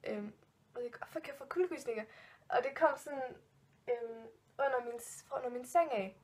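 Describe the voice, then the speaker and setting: A woman's voice: fairly high pitch, a little mellow, slightly rough. Rambling young woman telling spooky stories. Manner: rambling, many fillers and restarts; spooked, nervous giggles. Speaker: vlogger. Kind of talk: casual storytime vlog.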